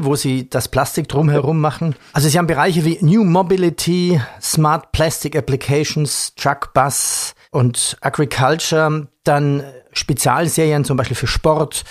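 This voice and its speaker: A man interviewing a company executive, asking direct questions and listing topics briskly. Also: on the high side, no room sound, studio quality. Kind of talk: business interview.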